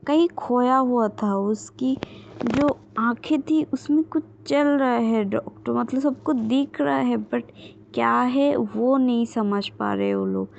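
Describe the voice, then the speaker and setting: A woman's voice: a little high, creaky, a little mellow. A woman casually retelling a fan fiction story, rambling with many fillers. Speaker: story narrator. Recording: dull lo-fi with faint ambient noise.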